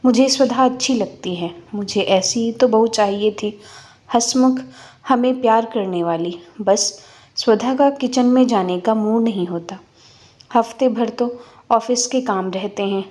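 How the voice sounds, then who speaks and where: Brief: woman, fifties, calm first-person story narrator, reflective. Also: a little high, unhurried.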